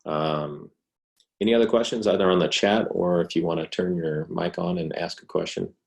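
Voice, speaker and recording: Male presenter, low-pitched, easygoing explainer with lots of restarts. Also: moderate pace, gravelly. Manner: relaxed conversational explaining, with restarts. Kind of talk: online presentation Q&A.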